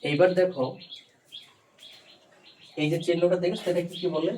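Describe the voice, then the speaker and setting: A spoken English teacher leads a patient phonics lesson, repeatedly asking the learner questions and checking their understanding. Her voice sits at medium pitch with a steady tone, normal speed, and a slightly mellow quality, picked up by a distant mic with faint background noise.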